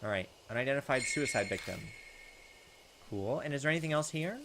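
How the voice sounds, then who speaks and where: A young man with a medium-pitched voice reads a visual novel aloud, animated and fairly quick, delivering in-game text dramatically and tossing in informal asides. Video game music plays behind him, along with some background noise.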